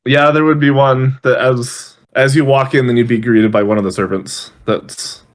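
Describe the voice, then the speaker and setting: A man narrating as game master of a tabletop game, halting and often correcting himself. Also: mid-range voice, fairly even intonation.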